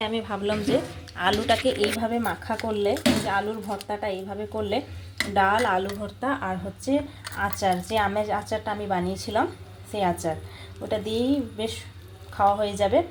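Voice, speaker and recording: A woman's voice: mid-range voice, steady tone, moderate pace, noisy background. Chatty woman vlogging from home. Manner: chatty, friendly, often addresses viewers as friends. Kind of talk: casual vlog narration to viewers.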